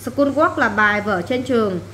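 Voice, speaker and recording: Woman, teacher, vocabulary drill, repeats each word, slightly high voice, echoey room. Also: lively intonation, normal speed, fairly bright tone. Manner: repeats each word, then explains it plainly. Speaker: English teacher. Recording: echoey room, faint background noise.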